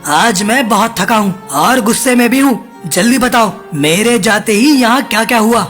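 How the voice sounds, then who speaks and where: A woman's voice: on the high side, animated, moderate pace, lightly acted. Woman voicing a hot-tempered cartoon crow. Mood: angry. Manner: gruff, blustering. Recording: cartoon with background music.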